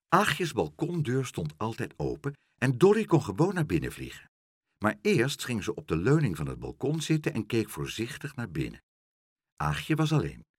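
Husky man reading a children's story aloud. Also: lowish voice, no echo, studio quality. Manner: lively expressive storytelling. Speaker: narrator.

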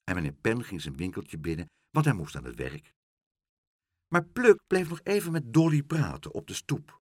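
Brief: animated male storyteller, very lively pitch, dry close sound. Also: normal speed, breathy edge, no echo. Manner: expressive, animated. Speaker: narrator. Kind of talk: children's storybook reading.

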